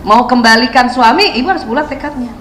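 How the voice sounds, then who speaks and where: A woman's voice: fairly high pitch, fast talker, a bit bright. A woman giving a religious lecture to women, asking the audience questions and acting out prayers. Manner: asks the audience questions and acts out prayers and quotes. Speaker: Islamic parenting speaker. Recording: echoey hall, faint background noise.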